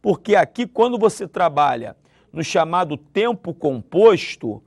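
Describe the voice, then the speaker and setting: A man with a Brazilian Portuguese accent teaching a video grammar lesson, lively and acting out example sentences. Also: a little high, unhurried, gravelly, no echo, studio quality. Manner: lively, acts out example sentences with shifting intonation.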